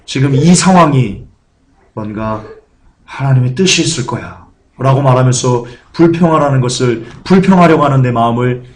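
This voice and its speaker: A man's voice: on the high side, darkish tone. A man preaching a sermon as pastor, earnest and emphatic, who acts out the grumbling of churchgoers.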